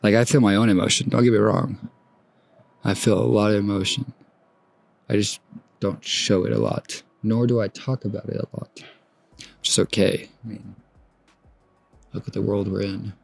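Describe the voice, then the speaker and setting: A man in his twenties hosting a solo podcast, talking through his feelings outdoors at sunrise in a soft, musing way that trails off and restarts. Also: fairly low pitch, moderate pace, creaky, long pauses. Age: 20s. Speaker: podcast host. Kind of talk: reflective solo podcast monologue.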